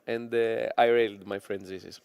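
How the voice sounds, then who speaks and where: Guy co-commenting poker, low gravelly voice, short quick takes. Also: fairly even intonation, dry recording, lo-fi sound. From Greece. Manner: brief agreeing remarks, quick laughs.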